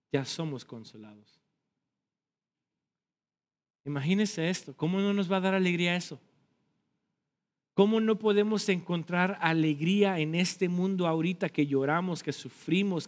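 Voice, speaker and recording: A pastor delivering an emphatic sermon, swelling in loudness and repeating words for emphasis. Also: male voice, high-pitched.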